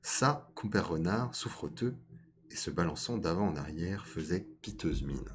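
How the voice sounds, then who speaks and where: A man's voice: sits low, expressive, normal speed, noisy background. A man streaming a live reading of a folk tale, stopping now and then to comment on his character voices.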